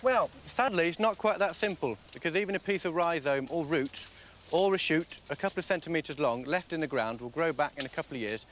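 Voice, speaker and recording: A man's voice: a little high, lively intonation, brisk, a bit bright, slight background noise. A middle-aged man explaining weed control in an outdoor interview. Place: outdoors in an overgrown graveyard.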